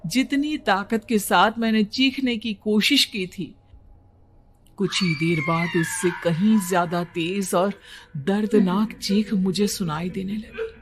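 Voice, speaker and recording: A woman narrating a first-person horror story for a cartoon in a hushed, suspenseful manner. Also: mid-range voice, slow pace, background noise.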